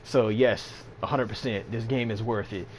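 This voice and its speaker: A man's voice: on the low side, steady tone, moderate pace, slight background noise. A man giving casual, rambling commentary on a game update, sleepy and yawning, with lots of fillers and slang. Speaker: gaming channel host.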